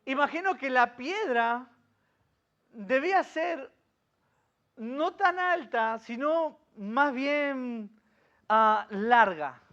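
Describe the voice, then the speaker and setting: The audio is dull as an Argentine pastor, his voice extremely high, speaks very slowly and pauses often during a Bible study. Still a lively storyteller, he paints the story vividly and quizzes those listening.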